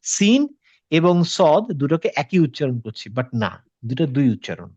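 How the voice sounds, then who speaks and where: A man's voice: on the high side, big pitch swings, normal speed, a little mellow, no echo. A male tajweed teacher explaining patiently to a class, checking with students through questions and mixing in English words. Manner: mixes English words into his talk. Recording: slightly dull, dry lo-fi audio.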